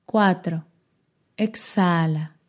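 A woman guiding a meditation, giving soft-spoken instructions with long pauses. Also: fairly low pitch. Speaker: meditation guide. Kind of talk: guided meditation.

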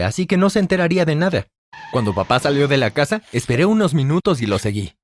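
A man narrating a first-person story in a plain, brisk storytelling manner. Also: mid-range voice, a little hiss or hum. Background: soft music.

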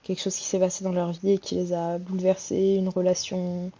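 A woman's voice: fairly low pitch, completely flat delivery, fairly quick, warm tone, highs cut off. A woman in her twenties from France hosting a solo podcast, talking casually with frequent hesitations and restarts. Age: 20s. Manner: hesitant, many fillers and restarts. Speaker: podcast host.

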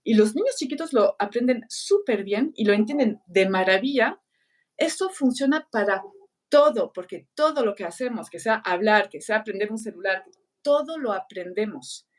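A woman's voice: mid-range voice, moderate pace, far from the mic. A middle-aged woman, chatting in a podcast and telling anecdotes, acting out what others said. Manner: animated storyteller, acts out quoted voices. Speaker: teacher and speaker on learning. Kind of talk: conversational podcast chat with anecdotes.

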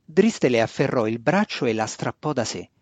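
A man reading a fantasy novel aloud as audiobook narrator, in a measured storytelling voice. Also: mid-range voice, animated, no room sound.

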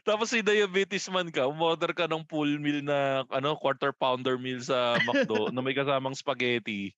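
A man's voice: medium pitch, moderate pace, fairly bright tone, no echo, highs cut off. A married Filipino man co-hosting a podcast, joking crudely and laughing a lot as he riffs on silly ideas. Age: adult, married. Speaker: podcast co-host. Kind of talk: casual joking chat.

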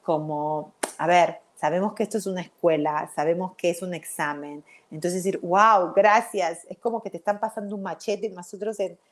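A woman giving a self-help talk to camera in an animated, chatty way that keeps checking in with the listener. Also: fairly low pitch, fairly quick, few pauses.

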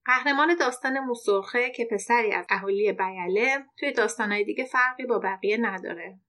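A woman's voice: a little high, bright, forceful tone. Woman reading a short story aloud. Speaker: podcast host and reader.

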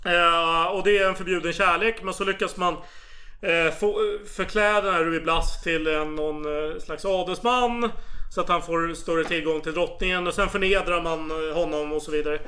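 A man's voice: on the high side, fairly even intonation, sharp tone. A man co-hosting a casual podcast chat, talking hesitantly with many fillers and restarts. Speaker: podcast co-host.

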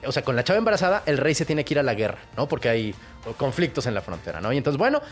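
A young adult man with a Mexican accent, casually retelling a fairy tale in slangy, animated speech and acting out the characters. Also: mid-range voice, racing, faint music behind.

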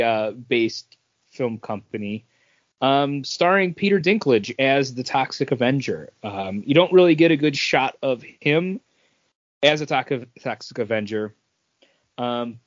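A middle-aged man co-hosts a podcast, chatting casually about entertainment news in a rambling, anecdotal way. His voice is mid-range, and the lo-fi recording sounds dull with no echo.

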